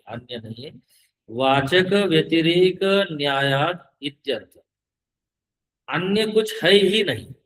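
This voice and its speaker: Very slow, deliberate male teacher. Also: fairly high pitch, poor audio. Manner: slow and deliberate, correcting students' pronunciation. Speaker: swami teaching scripture. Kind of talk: scripture class with chanting and Sanskrit recitation.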